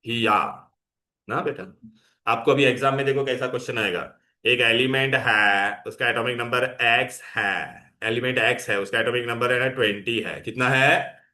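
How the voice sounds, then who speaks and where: A man's voice: mid-range voice, steady tone, normal speed, pushed and bright. A man teaching chemistry in a classroom, coaxing his students along and mixing in English terms. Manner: coaxing, calls students "beta", mixes Hindi and English. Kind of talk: classroom lecture.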